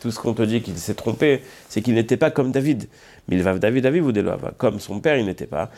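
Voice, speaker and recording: A man's voice: medium pitch, a little fast, darkish tone. A man giving a Talmud study lesson. He reads Hebrew and Aramaic passages, then explains them in French, hesitating often as he thinks. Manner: thinks aloud with frequent hesitations. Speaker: Talmud teacher.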